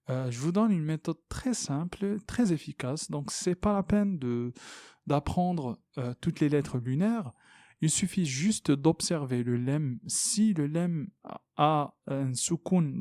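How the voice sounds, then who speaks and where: Male tajwid teacher, patient and hesitant, mellow tone, close dry mic. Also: a little high, no room sound. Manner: patient, repeats sounds slowly, many fillers. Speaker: Quran recitation teacher. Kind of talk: tajwid lesson, explaining and demonstrating pronunciation.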